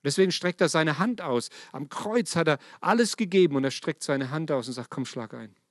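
Middle-aged male preacher, emphatic sermon, slightly high voice, dry close sound. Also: fairly quick, dry recording. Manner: lively, emphatic, addresses congregation directly.

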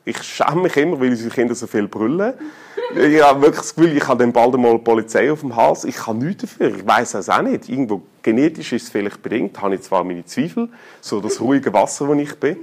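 Preaching with humor and everyday language, this middle-aged Swiss German-accented man alternates between booming calls and soft, close tones. He speaks at a medium pitch.

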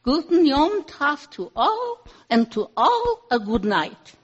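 Woman putting on a high, jolly old Santa. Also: very animated, slow, dull audio, noisy background, full character voice. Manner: cheery, exclaiming in Yiddish. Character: jolly Yiddish-speaking Santa, old man.

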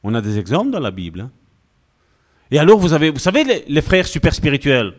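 A male pastor giving an animated, conversational sermon full of asides to the congregation. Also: on the high side, brisk.

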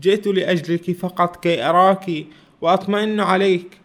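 Male reader doing a young mother pleading, pitched up and pressing. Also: steady tone, a little fast, fairly bright tone. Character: grieving young woman, married mother.

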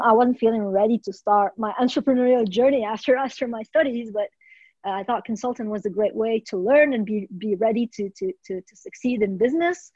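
Woman guest from Morocco, mid pitch, dry muffled sound, halting and filler-heavy. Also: darkish tone, dry recording. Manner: halting, many fillers and repeats. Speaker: guest, startup founder. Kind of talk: interview conversation.

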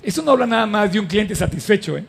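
Gravelly high-voiced preacher. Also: male voice, fast, long reverb tail. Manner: animated and conversational, addresses the audience with questions. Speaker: pastor. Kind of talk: lively sermon to a live congregation.

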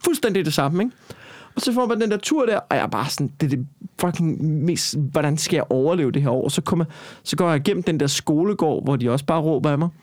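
Young man, rambling storyteller in a chat, a touch high-pitched, very dry close sound. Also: animated, darkish tone, no room sound. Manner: rambling, frequent restarts and fillers, swearing. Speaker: guest telling a story.

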